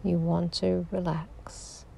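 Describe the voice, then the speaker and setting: A woman leads a guided sleep meditation, speaking slowly and soothingly and often sinking into a whisper. Her low voice is mellow and even, with a gravelly edge. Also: a little hiss or hum. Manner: slow, soothing, drifting into whispers.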